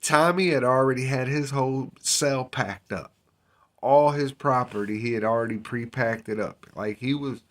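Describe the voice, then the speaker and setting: A man telling a story in a casual, slangy, unhurried way, with lots of fillers and swearing. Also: mid-range voice, fairly bright tone. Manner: street slang, frequent fillers and profanity, unhurried. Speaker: storyteller recounting his time in prison.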